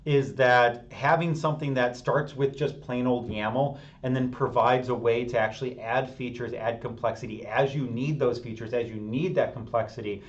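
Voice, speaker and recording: A man's voice: mid-range voice, fairly even intonation, moderate pace, hardly any pauses. A middle-aged man hosting a live technical stream, thinking aloud with many fillers and restarts while he answers chat. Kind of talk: casual live-stream explanation. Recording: slightly dull lo-fi stream audio.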